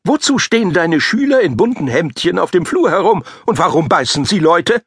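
A man doing a shrill, blustering school director. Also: very animated, moderate pace, fairly bright tone, husky, no echo, studio quality, heavily acted. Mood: indignant. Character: irate pompous school director, tall thin man. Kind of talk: audiobook character voice.

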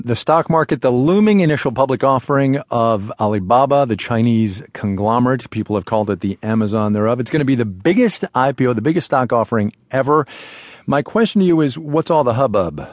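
Wry, animated male radio host. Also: mid-range voice, a little fast, dry recording. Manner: wry, playful banter. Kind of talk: public radio business news. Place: radio studio.

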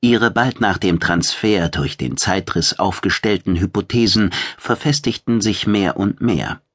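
A man doing scripted narration of a science fiction audiobook in a measured, deliberate way. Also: deep voice, fairly bright tone, slightly rough, dry recording, clean studio sound.

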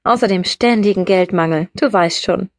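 A woman's voice: mid-range voice, normal speed, dry recording, clean studio sound, close to an everyday voice. A woman voicing a curious young woman who is short on money and asks many questions. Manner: inquisitive, surprised questions.

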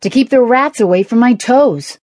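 A fretful, haughty man who grumbles nervously about every danger and sounds a little higher and louder than the storyteller around him, as a woman narrator puts him on. His grainy, husky tone has a dark, dry edge. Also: expressive, measured pace, dry recording. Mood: grumbling. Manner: nervous, complaining.

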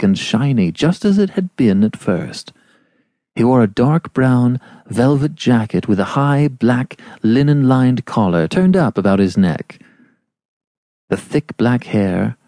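A man's voice: fairly low pitch, warm tone, dry recording. A man narrating a classic novel as an audiobook, shaping each phrase expressively.

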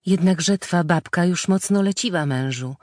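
A woman narrator voicing a gentle, devoted young wife who speaks in soft, old-fashioned formal phrases. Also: lowish voice, moderate pace, no room sound, studio quality, voice pushed up, lightly acted. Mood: hopeful.

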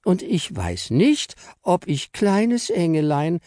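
A man voicing a small, timid female chocolate angel who speaks slowly and hesitantly. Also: high-pitched, very animated, mellow, dry recording, studio quality, voice pushed up, heavily acted. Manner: hesitant, slow and shy.

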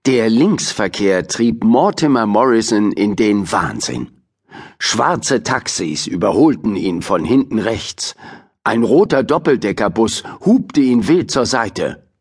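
A man narrating a children's audiobook with expressive, playful storytelling. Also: on the low side, slow, slightly rough.

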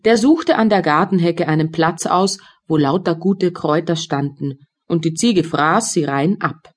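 A woman reading a fairy tale aloud for children as an audiobook narrator, in clear storytelling. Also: lowish voice, measured pace.

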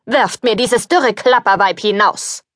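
A woman's voice: mid-range voice, unhurried, a bit bright, no room sound, clean studio sound, natural voice. A woman voicing a haughty cruel prince. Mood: scornful. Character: selfish cruel young prince cursed as a beast.

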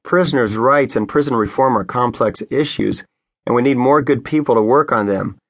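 A man's voice: mid-range voice, moderate pace, husky. A man who is a pastor narrating his own memoir audiobook in an earnest, conversational storytelling manner, recorded on a studio microphone.

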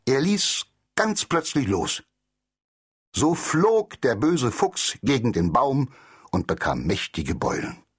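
Slow, lively male storyteller. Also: fairly low pitch, husky. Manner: animated storytelling with character voices. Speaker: audiobook narrator. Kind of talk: children's storybook narration.

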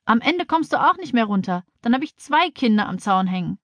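A woman's voice: on the high side, sing-song, a little fast, a bit bright, no echo, pitched above the performer's own voice. A woman voicing a flustered, anxious female schoolteacher in a children's audiobook. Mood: alarmed. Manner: fussing, alarmed.

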